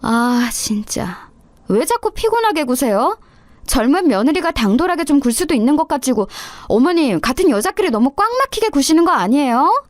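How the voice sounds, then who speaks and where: Woman doing a sarcastic young daughter-in-law, high lively voice, cold fake politeness, dry close sound, story drama. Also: fairly quick, no echo. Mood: defiant.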